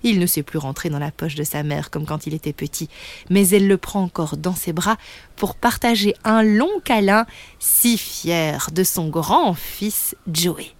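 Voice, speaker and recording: A woman narrating a children's bedtime story in a gentle, sometimes hushed way. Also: on the low side, unhurried, no echo.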